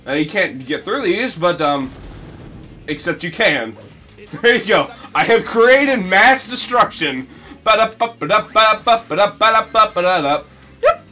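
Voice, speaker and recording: A let's play commentator, a goofy young-sounding man with a high, light, sharp voice, rambles through his gameplay commentary. He jumps between jokes and sudden shrill yelps while faint game music plays beneath him.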